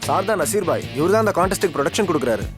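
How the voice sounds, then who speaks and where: A polite, fawning organizer who rushes through his lines and tags "sir" onto everything. A loud film score sits under his voice. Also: sits high, animated. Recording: film soundtrack with loud background music.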